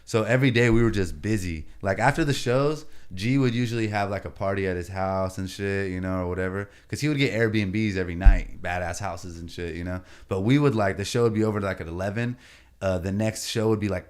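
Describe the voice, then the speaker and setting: Man, podcast guest, comedian, deep voice, slangy laid-back storytelling. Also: clear, resonant tone. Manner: laid-back and slangy, fills talk with "you know what I mean" and "bro". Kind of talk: casual storytelling chat.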